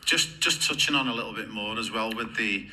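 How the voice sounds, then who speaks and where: Bright-toned male interviewer. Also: on the low side, slight background noise. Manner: eager, quick affirmations. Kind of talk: casual interview questions.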